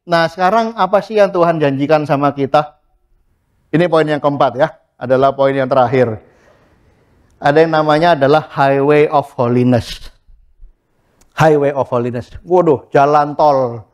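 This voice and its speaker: A middle-aged man preaching in a church with a high, light voice. He talks lively and casual, slips English words in and acts out the people he quotes. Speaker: pastor. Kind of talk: sermon.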